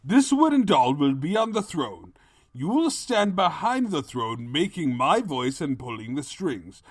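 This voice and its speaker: A man's voice: a little high, sing-song, a little slow, slightly rough, no room sound, studio quality, voice pushed up, heavily acted. A man voicing a pompous, scheming and cowardly evil pony king with theatrical, grandiose delivery in a story. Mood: smug, scheming.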